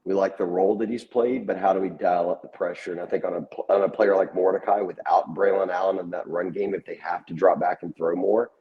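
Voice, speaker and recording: A man's voice: low voice, fast talker, few pauses, muffled recording. A man co-hosting a sports podcast, casually telling stories and making picks. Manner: relaxed storytelling, retells quotes.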